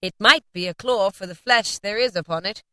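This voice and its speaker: A woman voicing a stern, sorrowful spirit who speaks in loud, slow, solemn pronouncements. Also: medium pitch, no room sound, natural voice. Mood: solemn warning.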